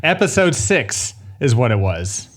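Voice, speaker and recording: A man co-hosting a podcast while hoarse from illness, animated and stammering in casual chat. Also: mid-range voice, measured pace. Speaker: podcast co-host.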